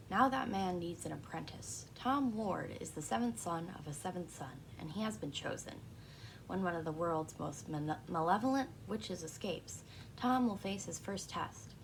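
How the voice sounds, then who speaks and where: A woman in a soft-spoken ASMR role-play as a librarian, talking in a hushed, gentle library voice with a creaky edge. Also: on the low side, noisy background.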